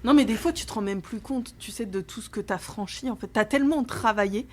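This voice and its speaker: A woman's voice: fairly high pitch, a little fast, slight background noise. A woman hosting a podcast interview, chiming in with frequent short agreements and finishing the guest's thoughts. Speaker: podcast host. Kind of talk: casual interview.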